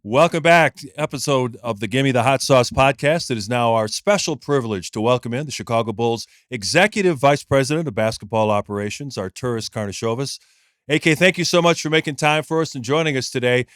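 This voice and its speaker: A man co-hosting a casual podcast interview, asking questions in a smooth, practiced delivery. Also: mid-range voice, a little fast, a bit bright, dry recording, clean studio sound. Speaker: podcast co-host.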